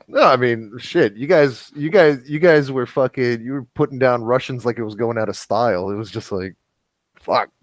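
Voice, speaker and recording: A man's voice: mid-range voice, moderate pace, no echo. A man from Germany hosting a casual podcast chat, blunt and profane, laughing often.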